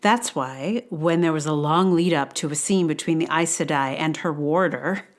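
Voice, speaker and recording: A woman with a stage background talks through her thoughts in a casual vlog. Her delivery is wry and expressive, and she sounds amused by her own points. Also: low-pitched, normal speed. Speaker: theater performer and commentator.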